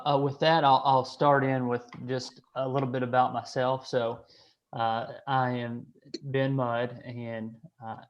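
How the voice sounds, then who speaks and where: A man, hosting an online meeting in a hesitant way, with many restarts and fillers. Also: medium pitch. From Kentucky, USA. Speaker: association director hosting a call. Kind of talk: casual online meeting talk. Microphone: video call. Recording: slightly dull call audio.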